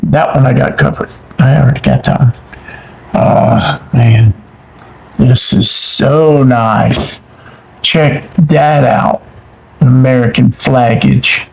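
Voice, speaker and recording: A middle-aged man hosts a casual unboxing, easily delighted and quick to exclaim over each item. His voice is gravelly with a rough edge. He takes his time, drawing out every word at an unhurried, easygoing pace. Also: mid-range voice, steady tone, poor audio. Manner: warm-hearted, easily delighted, exclaims often. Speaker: channel host unboxing mail.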